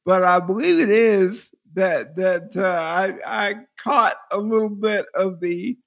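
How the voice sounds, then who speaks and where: Male podcast host, very high creaky voice, halting, slightly slurred, jokey chat. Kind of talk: casual comedic chat.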